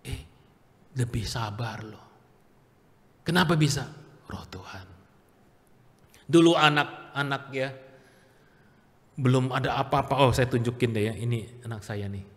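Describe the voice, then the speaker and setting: A man, questioning the congregation and swinging between loud calls and soft asides. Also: medium pitch, measured pace, long pauses. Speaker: pastor. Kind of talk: sermon. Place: church hall. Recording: long church reverb.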